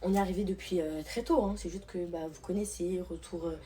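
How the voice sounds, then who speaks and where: A young woman from Réunion, chatty and excitable, talking casually to her viewers in a vlog. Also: lowish voice, brisk. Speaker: vlogger. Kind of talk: casual vlog chat to camera.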